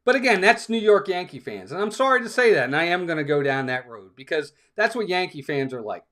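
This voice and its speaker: A man running a live fan stream, mixing play-by-play calls with blunt replies to his chat. His voice sits a bit high and moves widely in pitch. He talks directly to viewers and repeats key phrases for emphasis. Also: sing-song, a little fast, pushed and bright. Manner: talks straight to viewers, scolds trolls, repeats himself for emphasis.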